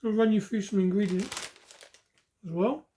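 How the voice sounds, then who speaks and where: A woman's voice: medium pitch, moderate pace, warm tone. A woman giving a casual, chatty food review, repeating words for emphasis. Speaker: snack reviewer.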